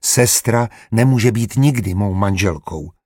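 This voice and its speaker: A man voicing a quick-tempered grown brother and father who speaks curtly and firmly. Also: lowish voice, darkish tone, no room sound, clean studio sound, natural voice. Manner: curt, firm.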